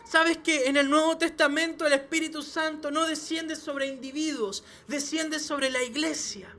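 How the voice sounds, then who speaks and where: A man, a pastor, preaching a sermon to his church with emphatic repeated phrases and quick restarts. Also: very high-pitched, steady tone, sharp tone. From Chile. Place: church service.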